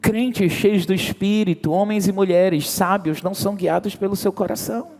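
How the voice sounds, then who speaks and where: A man's voice: high voice, normal speed, a little mellow, big-room sound. A man preaching an emphatic sermon and calling on the congregation to respond. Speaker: pastor.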